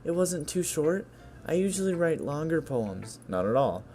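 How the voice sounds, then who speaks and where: A man putting on a timid girl's high voice. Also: big pitch swings, moderate pace, a little mellow, soft background music. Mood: shy, hesitant. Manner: hesitant, apologetic, stammering. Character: shy, timid teenage girl poet, soft-spoken. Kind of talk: video game voice-over reading.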